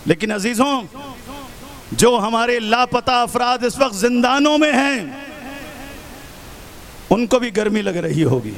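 A man from Pakistan giving an impassioned protest speech at an outdoor rally, often shouting and firing rhetorical questions at the crowd. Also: extremely high pitch, gravelly. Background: faint crowd.

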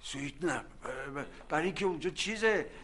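An actor playing a flustered middle-aged husband caught in a family feud, pleading and blustering. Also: male voice, on the high side, expressive, a bit bright, slight background noise. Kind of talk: TV drama acting.

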